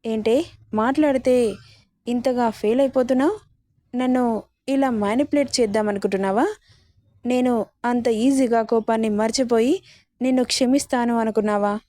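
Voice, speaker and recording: A young husband, possessive and quick to anger, who clips his words and gives orders, read by a woman storyteller. The voice sits a little high with a mellow, dark tone, recorded dry and up close. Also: steady tone, no echo, lightly acted. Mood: angry. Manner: curt and commanding.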